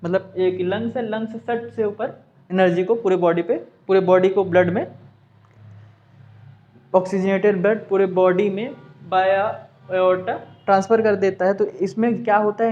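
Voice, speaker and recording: A man's voice: sits high, steady tone, moderate pace, darkish tone, highs cut off. A man teaching a science class, with a Hindi accent, who asks and answers his own questions and mixes in English terms. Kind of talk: class lesson.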